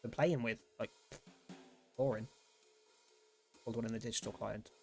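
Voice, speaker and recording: A man's voice: medium pitch, steady tone, normal speed, vocal fry, a little mellow, soft background music. A man streaming a game, rambling casually and swearing freely as he chats. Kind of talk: casual gameplay commentary.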